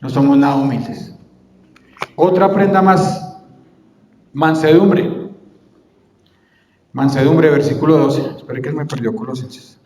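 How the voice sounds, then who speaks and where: A man preaching a sermon in a fairly high voice, firing questions at his congregation and answering them himself. The recording carries the strong echo of a church hall, and each phrase lingers in a long reverb. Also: slow, pauses often, dark tone.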